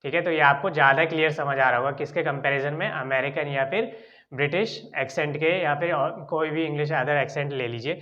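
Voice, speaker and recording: A man's voice: fairly high pitch, a little fast, sharp tone, dull audio. A man with an Indian accent teaching an English lesson, explaining step by step and often checking in with "ठीक है". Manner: repeats "ठीक है" often as a filler.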